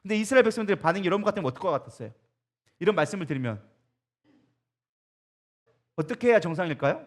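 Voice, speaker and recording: Man, middle-aged, pastor, sermon, rapid speech, high voice, quoting in changing voices, questions to listeners. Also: big pitch swings.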